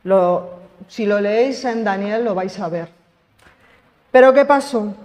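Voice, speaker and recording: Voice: mid-range voice, slow pace, a little mellow. Preacher, accent from Spain, conversational sermon with rhetorical questions, echoing church hall. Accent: Spain Spanish. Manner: conversational, asks the congregation questions.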